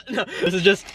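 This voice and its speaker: A young man hosts a casual vlog in a fairly high voice. He talks in an excitable, jokey way full of slang, with some noise behind him. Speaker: host of a hobby craft video channel.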